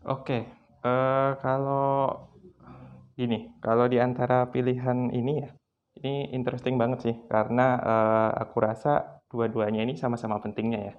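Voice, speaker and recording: A twenty-one-year-old man, a student guest, speaking thoughtfully with pauses and fillers. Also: mid-range voice, flat delivery, narrow, tinny audio. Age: young adult.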